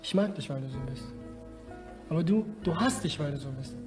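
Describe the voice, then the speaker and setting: An actor playing a streetwise, drug-addicted young man who talks bluntly in rough slang but with care. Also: fairly high pitch, animated, a little fast, a little mellow, faint music behind, close to an everyday voice. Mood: earnest. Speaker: film character. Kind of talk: film drama dialogue.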